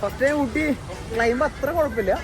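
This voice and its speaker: High-pitched young Malayali man vlogging, English mixed in. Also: quick pace. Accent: Kerala Malayali. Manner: mixes English words and slang into Malayalam; excitable, exclamatory, addresses viewers often. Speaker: travel vlogger. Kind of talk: casual travel vlog chat to viewers. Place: mostly outdoors on town streets. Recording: noisy outdoor ambience with vehicle sounds.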